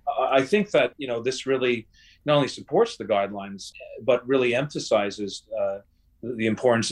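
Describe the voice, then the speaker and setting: A man interviewed as a guest researcher on a podcast, speaking in a measured way with frequent fillers and restarts. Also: on the low side.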